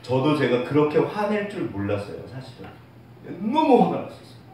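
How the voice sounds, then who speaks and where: In a church sanctuary, a pastor preaches a candid, heartfelt sermon, teasing himself lightly in front of his congregation. His fairly high, mellow voice moves briskly with huge pitch swings, heard from far off in a very echoey hall with faint hiss.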